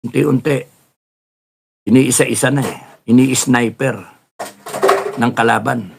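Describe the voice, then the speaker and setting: A middle-aged man in a ranting political commentary, swearing often and acting out soldiers' shouts. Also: mid-range voice, fairly even intonation, slow pace, creaky, a little hiss or hum. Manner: swears often, laughs at his own jokes, acts out soldiers' shouts.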